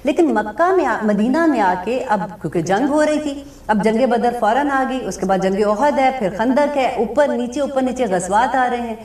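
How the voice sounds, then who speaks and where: A fairly high-voiced woman teaches scripture, pausing to translate each phrase in a slow, deliberate way. Her voice sounds roomy and comes from some distance away from the microphone. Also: expressive, a little mellow. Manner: explains with everyday examples. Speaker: Islamic speaker. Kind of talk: religious lecture with Quran commentary.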